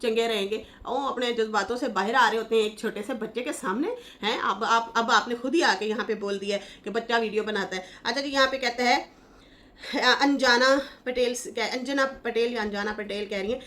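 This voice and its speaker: A woman's voice: on the high side, fairly quick, a bit bright. A woman giving casual commentary, reading viewer comments aloud in a chatty, scolding manner and laughing as she mocks. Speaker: YouTube commentator.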